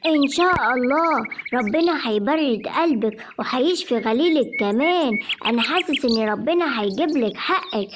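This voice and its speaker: Performer as a calm neighbor offering condolences, Egyptian accent, noisy track. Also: sits high, moderate pace. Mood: consoling. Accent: Egyptian Arabic. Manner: soothing, pious. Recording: clear background noise.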